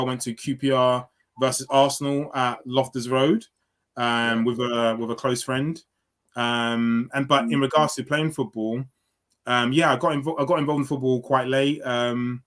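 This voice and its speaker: A man's voice: mid-range voice, fairly bright tone. A man in his thirties from London, answering interview questions in a reflective, casual way with many fillers and restarts. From London, England. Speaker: football guest.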